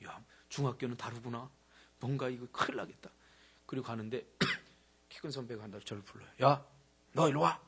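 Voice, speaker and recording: A middle-aged male pastor preaching an evening sermon, telling stories with animated, rising bursts of praise. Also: mid-range voice, brisk, creaky, long pauses, a little hiss or hum. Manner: animated, storytelling, shouts hallelujah. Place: church sanctuary.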